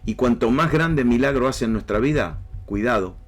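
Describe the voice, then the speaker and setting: A man's voice: medium pitch, lively intonation, moderate pace. A man preaching a sermon emphatically, with rising bursts and repeated phrases. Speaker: pastor.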